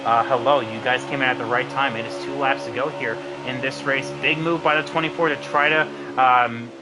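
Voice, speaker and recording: A man's voice: medium pitch, normal speed, over loud music. A young man with a sick voice giving casual, filler-heavy live commentary on an online sim race. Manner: casual, many fillers, excited at race finish.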